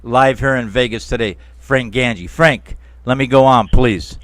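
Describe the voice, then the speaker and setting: A man's voice: medium pitch, unhurried, fairly bright tone, dry recording. A man hosting a talk show interview, emphatic and chatty, speaking to his listeners as friends. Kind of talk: casual interview.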